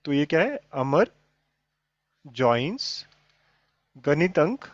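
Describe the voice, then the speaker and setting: Male tutor, fairly high voice, coaxing and checking in, dry lo-fi audio. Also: sing-song, takes it slowly, no room sound. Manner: coaxing, checks in with students often. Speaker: maths teacher. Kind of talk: live online class. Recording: dull lo-fi sound, dry.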